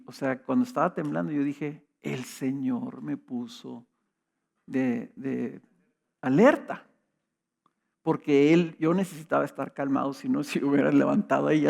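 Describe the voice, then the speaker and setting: A middle-aged man preaches, his voice a little high for a man and gravelly. He tells personal anecdotes in a relaxed, conversational way, often checking in with his listeners through quick rhetorical questions. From Mexico. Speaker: pastor. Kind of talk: sermon with personal storytelling.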